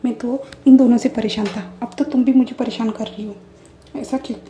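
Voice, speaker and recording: A woman's voice: a little high, steady tone, brisk, warm tone, slight background noise, close to an everyday voice. A woman reading a brusque, snappish young man. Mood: irritated. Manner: impatient, snappy retorts. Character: brusque young man, bossy and easily annoyed. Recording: echoey room.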